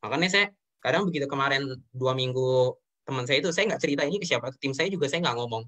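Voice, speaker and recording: A man's voice: medium pitch, fast, a bit bright. A young man from Indonesia, speaking earnestly as an interview guest and often addressing the host respectfully. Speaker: guest sharing his business story. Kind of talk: emotional interview talk.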